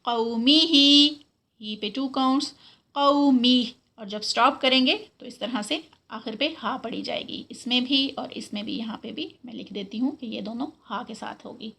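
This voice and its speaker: A woman with a bright, clear, fairly high voice leads a slow recitation lesson. She draws each word out, often says it twice, and explains the rules in Urdu sprinkled with English terms. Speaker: Quran recitation teacher.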